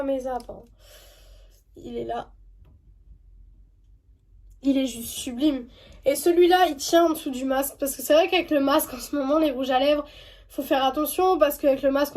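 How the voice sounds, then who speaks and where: A woman's voice: sits high, a little mellow. A young French woman chatting casually through a makeup review at home, with many fillers and restarts. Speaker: beauty vlogger.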